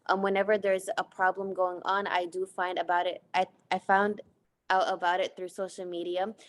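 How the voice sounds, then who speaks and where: Young american woman reading her project slides, monotone, lots of ums. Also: lowish voice, normal speed. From United States. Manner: earnest, reads from slides with fillers. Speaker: student presenter. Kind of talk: presenting a class project.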